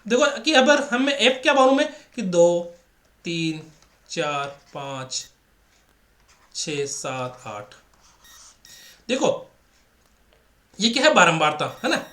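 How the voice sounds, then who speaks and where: A man's voice: sits high, big pitch swings, slow pace, pauses often, a bit bright, reverberant. A man teaching a maths lesson in a chatty, repetitive way, often asking rhetorical questions. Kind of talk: casual classroom lecture.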